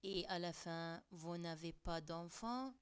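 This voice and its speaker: Slow, clear-voiced woman teaching French. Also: lowish voice. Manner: switches between French and English glosses, slow and deliberate. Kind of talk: classroom lesson explaining grammar.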